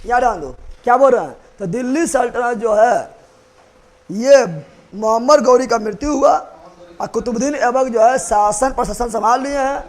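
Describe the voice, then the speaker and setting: A man's voice: very high voice, normal speed. A man teaching history to a class, repeating points, quizzing students and joking with rhymes. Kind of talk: classroom lecture with mnemonics.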